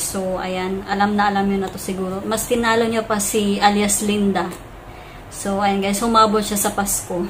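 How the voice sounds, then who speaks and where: Chatty woman vlogger over background hiss. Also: mid-range voice. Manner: chatty, fills with "so, ayan guys"; speaking loudly to carry over a weak mic. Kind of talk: casual reaction vlog.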